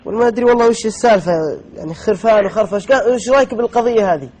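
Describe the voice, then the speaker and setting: A man's voice: high-pitched, racing, darkish tone, slight background noise, low-quality recording. A man with a Gulf Arabic accent hosting a casual live phone-in talk show.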